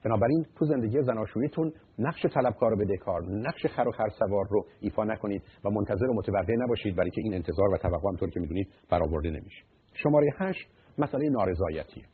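A man's voice: on the low side, animated. A man, a psychologist, giving blunt, mocking marriage advice in a radio talk. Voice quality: husky. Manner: blunt, mocking, rises to loud emphatic outbursts. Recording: muffled phone-like radio line.

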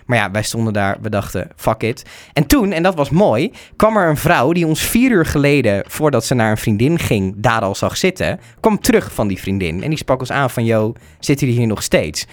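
A young man from the Netherlands telling a road-trip mishap in casual chat, animated, breaking into loud mock shouts. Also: medium pitch, normal speed. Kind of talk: casual storytelling.

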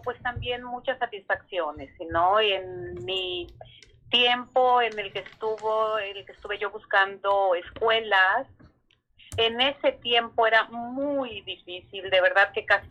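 Caller: woman in her sixties heard over a dull phone line; bright, slow, halting delivery. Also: mid-range voice. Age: 60s. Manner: halting, searching for words, often restarting. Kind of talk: telling a personal story on a live call-in.

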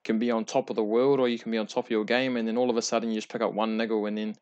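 A man's voice: on the low side, little pitch movement, racing, a little mellow, muffled recording. A man with a New Zealand accent hosting a casual interview, asking long rambling questions in friendly, slangy talk. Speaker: interviewer, podcast host.

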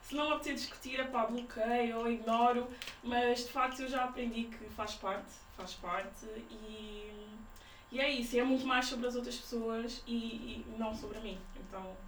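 A young Portuguese woman from the Sintra area, with a Lisbon-area accent, speaks informally as a podcast guest, thinking aloud in broken phrases during a casual interview. Her voice is on the high side, steady in tone and moderately paced. The mic is distant, with roomy sound and faint noise.

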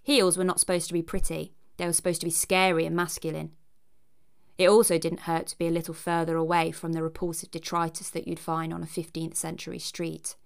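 Low-voiced woman narrator, creaky and wry. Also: little pitch movement, fairly quick. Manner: wry, cheeky, conversational. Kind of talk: scripted narration with chatty asides.

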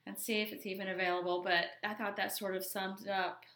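A woman's voice: mid-range voice, little pitch movement, a little fast, fairly bright tone. A woman co-hosting a podcast, chatty, with lots of "sort of" and "like". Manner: chatty, many fillers like "sort of". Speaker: podcast co-host. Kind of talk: casual chat. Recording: echoey room.

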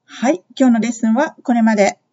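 A woman teaching English phrases in a podcast lesson, explaining them slowly and modeling each one for listeners to repeat. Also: on the high side, dark tone, highs cut off.

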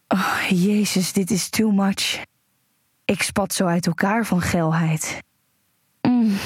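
A woman narrating a first-person erotic audio story in a slow, breathy, sensual way, with soft moans between sentences. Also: mid-range voice, no room sound, studio quality.

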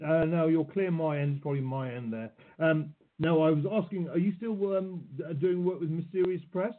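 A man hosting an interview, asking questions in a halting, hesitant way, heard over a phone-like call line. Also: a little high. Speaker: podcast host. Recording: husky voice on tinny phone-like call.

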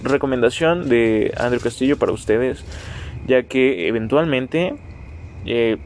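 Rambling nineteen-year-old Mexican podcaster. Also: male voice, medium pitch, unhurried, a little mellow, slight background noise. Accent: Mexican Spanish. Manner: rambling, self-mocking, swears freely, talks to listeners directly. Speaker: podcast host. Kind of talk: casual solo podcast monologue.

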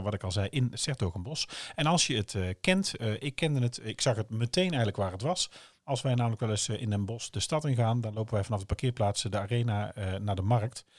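A man with a Brabant Dutch accent co-hosts a podcast in casual chat. His voice sits at a middling pitch. The sound is dry, with very little room on it. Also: dry recording. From Brabant, southern Netherlands. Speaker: podcast co-host.

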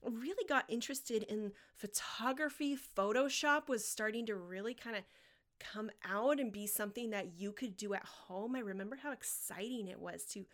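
Speaking at a normal pace in a fairly high, somewhat bright voice, this woman from Washington state, USA, runs a solo podcast as a marketing coach. She tells personal stories and cheers her listeners on directly and enthusiastically.

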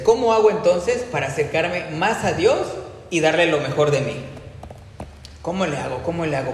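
A man preaching a sermon in a casual, conversational way, asking the congregation rhetorical questions. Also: on the high side. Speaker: pastor. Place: church. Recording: very echoey church hall, faint room noise.

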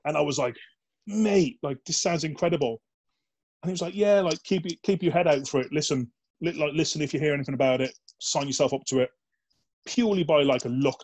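A man's voice: medium pitch, slightly rough. A man, a former soldier, telling anecdotes in a casual interview, chatty and blokey, with frequent "like" and swearing, and acting out the voices in his stories. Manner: chatty and blokey, peppered with "like" and swearing, acts out quoted dialogue.

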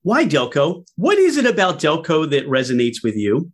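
A man's voice: a little high, huge pitch swings, moderate pace. A man hosting a casual interview, asking playful questions in a joking way. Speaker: interview host.

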